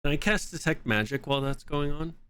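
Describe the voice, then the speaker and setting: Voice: medium pitch, fairly bright tone, smooth. A person playing a tabletop game, asking curious questions. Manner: curious, quick questions and laughter. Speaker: player. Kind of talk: casual tabletop play.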